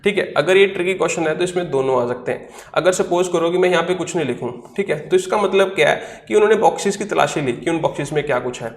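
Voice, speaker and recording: A man's voice: on the high side, quick pace, echoey room. A man teaching English vocabulary in an online class, explaining step by step, spelling words out letter by letter and answering his own questions. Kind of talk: online class lecture in Hindi.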